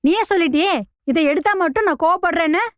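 A woman's voice: extremely high pitch, fast talker, fairly bright tone, no room sound, clean studio sound. An actress playing a stern but loving mother lecturing her daughter. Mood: firm. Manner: firm, lecturing.

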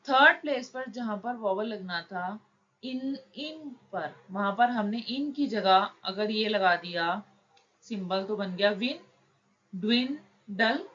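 A woman teaching shorthand, explaining each word slowly and patiently, step by step. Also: a bit bright. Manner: slow, patient, drawn-out words. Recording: dull low-fi recording with faint noise.

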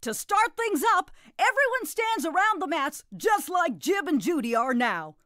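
This is a full character voice: a woman pitched extremely high, with big swings and a sharp tone, speaking at a measured pace. She's a jolly, doting, slightly nutty grandmother running a children's game, gleeful, folksy and exclamatory, cheerful while giving instructions. Studio quality, with no room sound.

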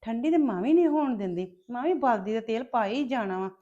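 An actress playing a scheming, sharp-tongued sister-in-law who accuses and taunts the family. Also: female voice, fairly high pitch, expressive, a little fast, dull audio, natural voice. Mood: taunting. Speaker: actor in a family web drama.

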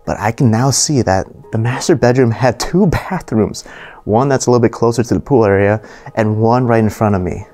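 Faint music plays behind this urban explorer vlogger, whose voice is medium-pitched, mellow, and at a normal speed. Inside an abandoned mansion, he narrates casually as he walks, easily impressed and using plenty of fillers, recorded on a camera mic.

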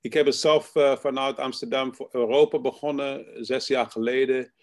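A man in his fifties speaking in an online meeting from a room at home, halting with many fillers and slipping in English terms. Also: mid-range voice, fairly even intonation. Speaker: panel speaker. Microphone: video call.

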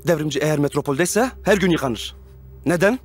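A man's voice: on the high side, expressive, brisk, faint music behind, natural voice. A man in his thirties playing a bossy, self-important revolutionary leader in a TV comedy-drama, commanding and pompous. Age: 30s. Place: furnished rooms of a house.

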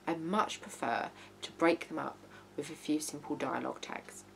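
The recording is low quality, carrying hum and background noise, as a woman in her thirties gives emphatic, blunt writing advice to camera from a small indoor living room. Her low, creaky voice has a fairly bright tone and keeps a moderate pace in this informal tutorial.

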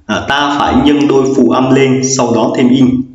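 A man's voice: medium pitch, steady tone, moderate pace. A man teaching an English grammar lesson, explaining patiently and repeating each rule with frequent fillers. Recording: echoey lo-fi room recording.

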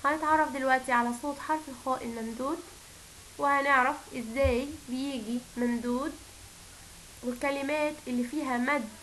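A woman with an Egyptian Arabic accent gives a recorded lesson to young children. Her voice is high and bright. She draws syllables out slowly for them to repeat and praises them warmly and often. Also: fairly even intonation, slight background noise, rough recording. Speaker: first-grade Arabic teacher.

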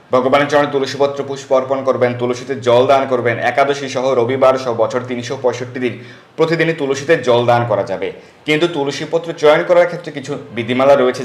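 A man with a Bengali accent gives devotional instruction at a middle pitch, going through the fasting rules one item at a time. His voice carries a noticeable roomy echo. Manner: steady, listing rules item by item. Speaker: religious teacher. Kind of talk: devotional instruction and scripture storytelling.

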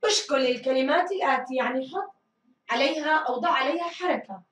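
A woman teacher giving a grammar lesson, drilling answers and stretching words slowly. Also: sits high, a bit bright, recorded from a distance. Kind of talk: recorded classroom grammar lesson. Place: school studio room. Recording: echoey room, mic set back.

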